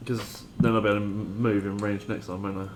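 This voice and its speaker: A man's voice: on the low side, level tone, fast. A man playing a tabletop game, thinking aloud about his moves in casual chat. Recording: clearly noisy room, clicks.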